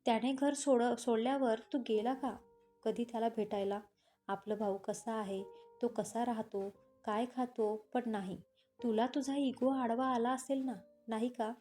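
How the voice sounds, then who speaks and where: A woman's voice: on the high side, steady tone, measured pace, dark tone, soft background music, natural voice. A woman voicing an indignant young woman who confronts her family with pointed, reproachful questions, in a storybook reading.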